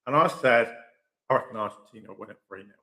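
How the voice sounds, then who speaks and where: A man's voice: medium pitch, fast. A man hosting a live stream, giving his casual opinions on football with a chatty manner and frequent "okay"s. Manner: chatty, lively, repeats "okay" often. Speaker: host of a live stream channel.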